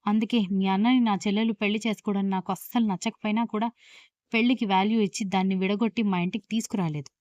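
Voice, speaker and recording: A woman's voice: mid-range voice, fairly even intonation, fast, a little mellow, no room sound, natural voice. A woman voicing a hot-tempered young husband who scolds and rebukes his new wife, in a storybook reading. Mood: bitter.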